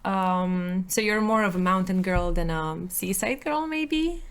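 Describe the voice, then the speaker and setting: A woman hosting a casual podcast interview in a bright, friendly event-host manner. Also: medium pitch, a little slow, clean tone.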